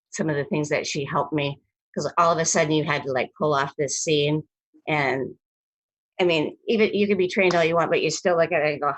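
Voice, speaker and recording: A low, husky woman in her fifties chats over a video call, restarting her sentences as she tells her stories. Her voice sits in a dry, close sound with almost no room around it. She talks with lively, tumbling energy. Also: dry recording. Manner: rambling, self-interrupting, animated anecdotes. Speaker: actress, interview guest. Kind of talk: casual storytelling interview.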